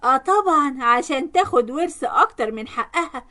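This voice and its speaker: A woman's voice: sits high, animated, moderate pace. A woman voicing a spiteful, quarrelsome young sister-in-law who talks angrily. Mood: shouting. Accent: Egyptian Arabic. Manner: angry, shouting.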